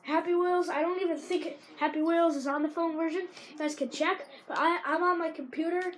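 A gamer in her teens with a sore throat talks casually and loosely while commentating on a game, shouting excitedly whenever a play lands. Her female voice is very high-pitched and a little fast.

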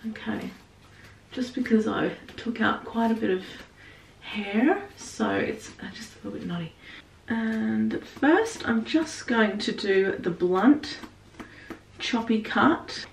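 A woman's voice: on the high side, slow, vocal fry, recorded from a distance, a little hiss or hum. A woman talking casually through a wig-styling tutorial while she works, recorded in a small bathroom. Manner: chatty, talks while working on the wig. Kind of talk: casual how-to narration. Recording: echoey bathroom.

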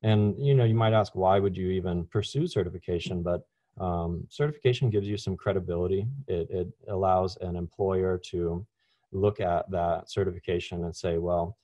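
A middle-aged man, a chef, giving a relaxed online webinar talk over a video call, with frequent ums and restarts. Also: deep voice, normal speed, no room sound. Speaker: chef and food science presenter. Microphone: video call webcam.

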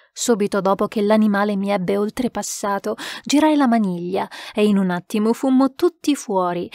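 A woman narrating an audiobook in a tense, measured storytelling manner. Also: on the high side, a little mellow, no echo, studio quality.

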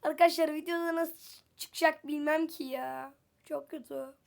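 High-voiced woman narrating her game. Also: fairly even intonation, moderate pace, gravelly. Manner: chatty, addresses viewers, frequent exclamations; flustered when in danger. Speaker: gameplay video creator. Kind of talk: casual gameplay commentary.

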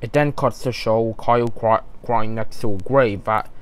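A man narrating a creepypasta in a halting, stumbling way, often restarting his sentences. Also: fairly low pitch, fairly even intonation, clear, resonant tone.

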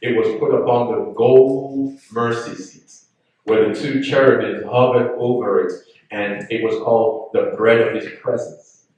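A man's voice: medium pitch, steady tone, a little slow, darkish tone, distant mic. Earnest preaching man in echoey room. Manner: earnest teaching, reads scripture aloud. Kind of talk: sermon.

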